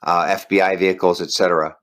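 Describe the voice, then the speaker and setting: A man's voice: low voice, level tone, fast talker, a bit bright. A man interviewing a witness, asking hesitant, stumbling questions. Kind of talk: phone interview.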